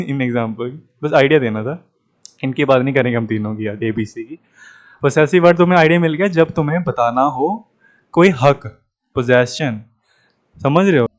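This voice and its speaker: A man from Punjab teaching an English grammar lesson in a chatty, playful way, repeating the key points. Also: medium pitch. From Punjab, India.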